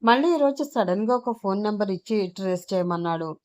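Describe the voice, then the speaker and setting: A woman's voice: mid-range voice, lively intonation, brisk, darkish tone, close to an everyday voice. A woman reading a matter-of-fact young man on the phone. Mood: concerned.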